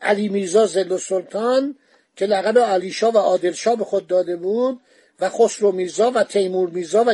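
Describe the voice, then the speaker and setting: A man's voice: sits high, a little mellow, breathy edge, dry recording. A man hosting a history podcast, telling the story in a conversational, digressive way with frequent fillers.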